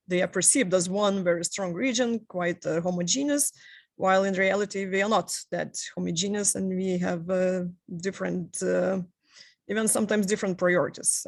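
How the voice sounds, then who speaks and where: A woman's voice: on the low side, creaky, a little mellow, dry recording. A woman speaking as a panelist, thoughtful and hesitant, with many fillers. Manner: thoughtful, hesitant, occasional light laughs. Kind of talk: panel discussion.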